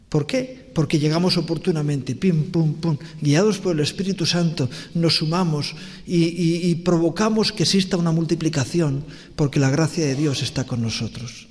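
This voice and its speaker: A man pastor with a Spanish accent preaches earnestly in a church, asking rhetorical questions and restarting his phrases as he goes. His voice sits a little high for a man. The sound rings with a long church reverb. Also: a little mellow. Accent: Spanish from Spain. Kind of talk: sermon. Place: church hall.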